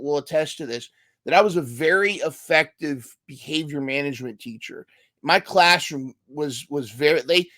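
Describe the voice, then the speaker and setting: Man hosting a chatty interview, higher-voiced. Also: fairly bright tone, no echo, clean studio sound. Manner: thinks aloud, repeating and restarting words. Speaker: podcast host. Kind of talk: casual conversational interview.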